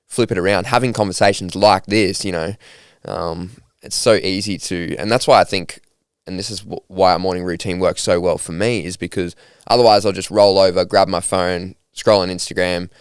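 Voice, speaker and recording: A young Australian man telling stories in a relaxed, upbeat, slangy conversational way as a podcast guest. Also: deep voice, moderate pace, clean tone, dry recording, studio quality. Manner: laid-back, upbeat slangy talk with frequent laughs. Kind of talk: casual conversational storytelling.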